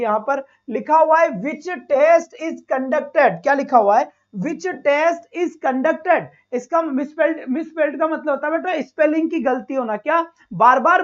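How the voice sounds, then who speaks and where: A man's voice: extremely high pitch, dull audio. A male teacher leading a live online exam-prep class, coaxing students and answering his own questions.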